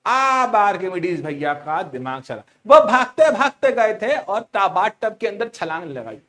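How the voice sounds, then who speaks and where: A man teaching a class, animated and teasing, asking questions and repeating key words back to his students. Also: sits high, measured pace. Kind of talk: lively storytelling lecture.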